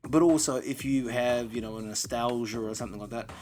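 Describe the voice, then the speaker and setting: A man's voice: medium pitch, fairly quick, darkish tone, soft background music. A man with an Australian accent hosting a solo podcast in an informal, matey, rambling way. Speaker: podcast host. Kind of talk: casual solo podcast monologue.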